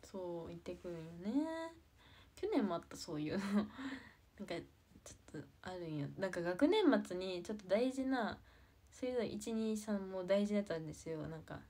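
A teenage girl with a soft, quiet voice, chatting casually on a livestream, rambling with many fillers and giggles. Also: medium pitch, expressive, normal speed. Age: teens. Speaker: idol livestreamer.

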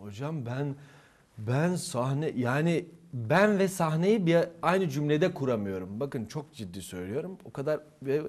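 A man's voice: mid-range voice, moderate pace. A young man from eastern Turkey, a theatre club instructor, telling stories animatedly in a casual interview and acting out the dialogue. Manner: animated, acts out quoted dialogue with shifting loudness.

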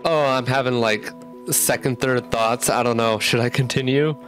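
A man's voice: mid-range voice, fairly even intonation, moderate pace, fairly bright tone. A man commentating on his game playthrough, nervous and anxious, repeating himself as he goes. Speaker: gamer, channel host. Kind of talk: let's play commentary. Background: game music.

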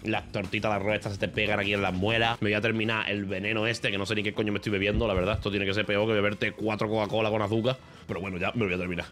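A man's voice: lowish voice, little pitch movement, very fast, a bit bright, faint music behind. A man with a Spain Spanish accent, chatting casually on a livestream in a joking, sarcastic way and swearing freely. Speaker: streamer.

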